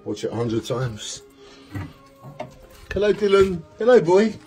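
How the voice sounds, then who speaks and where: A man's voice: high voice, big pitch swings, measured pace, soft background music. Rambling man filming himself at home. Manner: rambling, upbeat, drifting into soft murmurs. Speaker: vlogger. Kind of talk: casual home vlog. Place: small home, indoors. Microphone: phone held at arm's length.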